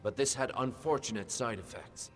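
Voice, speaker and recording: An actor playing a calm, coldly menacing male fey lord in a video game, speaking in a measured, quietly threatening way. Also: medium pitch, close to an everyday voice. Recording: long reverb with game music behind.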